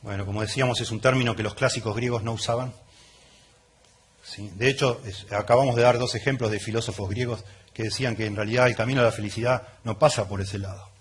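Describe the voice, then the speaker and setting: A man's voice: mid-range voice, steady tone, fast, a little hiss or hum. A middle-aged man with an Argentine Rioplatense accent, a pastor giving an expository sermon in a conversational way to a congregation in church, often checking in with the listeners. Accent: Argentine Rioplatense Spanish.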